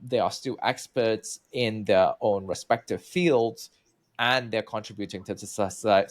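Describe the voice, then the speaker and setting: A man from Malaysia with a lowish voice talks through his career as an interview guest. He is chatty and loose, full of fillers and restarts. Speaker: guest researcher. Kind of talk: interview storytelling.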